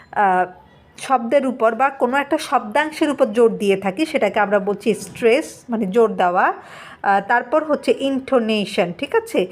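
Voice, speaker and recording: A woman, teaching an English lesson, explaining step by step with many small fillers and frequent check-ins. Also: fairly high pitch. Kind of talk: classroom lesson explaining a textbook.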